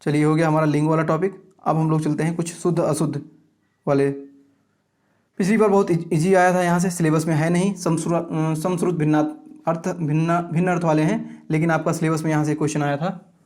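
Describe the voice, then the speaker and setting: In an exam-prep lecture on grammar, a fairly high-voiced male teacher lists example words at an even pace. He stops frequently to check that the class is following.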